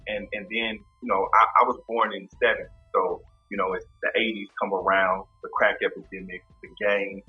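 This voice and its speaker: A man in his fifties from Kansas City, Missouri, speaking as a guest in a casual interview in a relaxed, reflective way, often repeating words as he thinks. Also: fairly low pitch, lo-fi sound. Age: 50s. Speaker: podcast host as guest.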